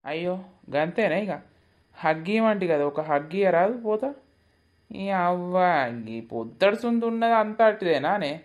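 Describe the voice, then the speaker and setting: A woman's voice: fairly low pitch, lively intonation, moderate pace, phone-quality sound, natural voice. A woman voicing a pushy, drunk young village man, the ex-lover, in a cartoon, with a Telangana accent and a wheedling manner. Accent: Telangana Telugu. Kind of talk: cartoon voice acting.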